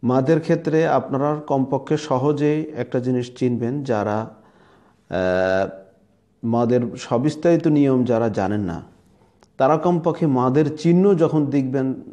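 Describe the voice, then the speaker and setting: Man, Bangladeshi Bengali accent, recitation teacher; slow, mellow delivery, repeats sample words aloud. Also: medium pitch, highs cut off. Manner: demonstrates letters and words aloud, repeating them.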